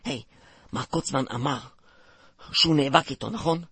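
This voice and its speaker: A man playing a bumbling, stammering man who cracks silly puns while trying to smooth things over in a comic radio play. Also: mid-range voice, fairly bright tone, no echo. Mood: pleading coaxing.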